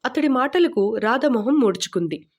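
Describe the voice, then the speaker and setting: A woman's voice: a little high, animated, moderate pace, dull audio. Woman narrating a romance audiobook.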